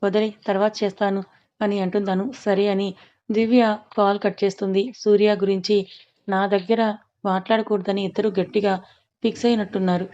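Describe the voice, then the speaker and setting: A woman's voice: mid-range voice, dark tone, muffled recording. A woman telling a serialized story, reading the characters' lines inside her narration. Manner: reads dialogue inside plain narration.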